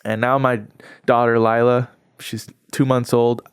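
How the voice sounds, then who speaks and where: A man's voice: mid-range voice, level tone, measured pace, smooth, no echo, clean studio sound. A young adult man, a podcast guest, telling his personal faith story in an earnest, heartfelt, conversational way, often saying "like".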